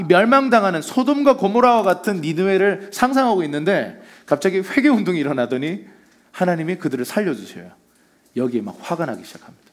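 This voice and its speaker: A man preaching a Sunday sermon as pastor, telling the story with energy and acting out the lines he quotes. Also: high voice.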